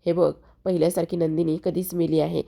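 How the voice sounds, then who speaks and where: A woman's voice: on the low side, flat delivery, fairly quick, gravelly, mellow. A woman reading the lines of a hurt, bitter older sister who speaks coldly. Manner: cold, bitter.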